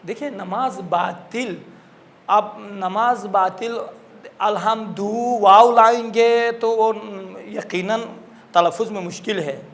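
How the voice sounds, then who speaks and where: A man's voice: sits high, fairly even intonation. A man teaching a classroom lesson on Quran recitation, explaining patiently and repeating his points.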